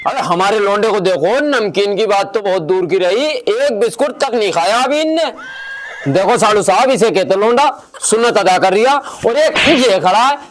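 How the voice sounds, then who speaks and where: A man's voice: sits high, lively intonation, moderate pace. A man playing a foul-mouthed, boastful uncle who teases crudely. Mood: mocking. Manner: mocking, crude, theatrical scolding. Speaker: comedy sketch actor.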